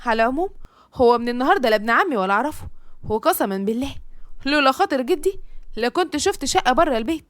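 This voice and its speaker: A woman with an Egyptian accent voicing a hot-headed young brother, protective of his sister, who speaks in a heated, forceful way. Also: high voice, expressive, fast, pauses often, dry recording, studio quality. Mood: angry. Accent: Egyptian Arabic.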